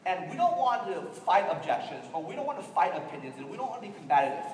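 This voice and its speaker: A man giving an animated motivational training talk to a room, acting out the people he quotes. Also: sits high, slight background noise. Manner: animated, quick-talking, acts out quoted people. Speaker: network marketing trainer. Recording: echoey hall from far off.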